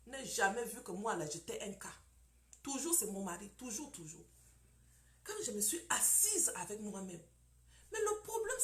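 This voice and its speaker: A woman's voice: high voice, echoey room. A woman preaching about marriage, emphatic and repetitive, firing off rhetorical questions.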